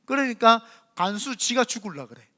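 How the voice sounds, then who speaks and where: As senior pastor, this middle-aged Korean man delivers a sermon at normal speed in a very high voice. He brings his stories to life, performing the voices of the people he quotes.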